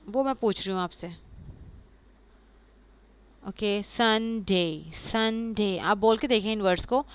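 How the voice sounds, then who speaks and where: Smooth-voiced woman teaching pronunciation. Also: medium pitch. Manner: explains patiently, reads English lines slowly, repeats example words. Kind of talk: lecture mixing Urdu and English.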